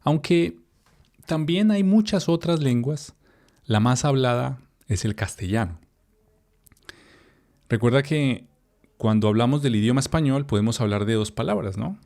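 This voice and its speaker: A young Colombian man, a Spanish teacher with a Colombian Spanish accent, reads a text for learners in a relaxed, chatty way, adding fillers and asides to the viewer. His medium-pitched voice has vocal fry, moves at a measured pace, and pauses often.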